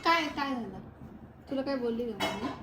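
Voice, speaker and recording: A woman's voice: fairly high pitch, animated, moderate pace. A young woman at home relaying and deflecting during a casual family argument, laughing things off. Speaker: family vlogger. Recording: roomy, distant, noisy home recording.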